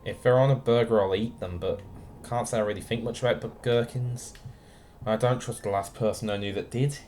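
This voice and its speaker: A man's voice: fairly low pitch, steady tone, fairly quick, darkish tone, a little hiss or hum. Wry man streaming a game. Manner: dry, wry, chatting to viewers by name. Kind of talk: casual live-stream chat while playing.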